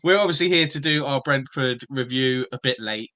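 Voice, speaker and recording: A man's voice: medium pitch, moderate pace, bright, forceful tone. A man hosting a football podcast in a casual, chatty presenting style. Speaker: podcast host.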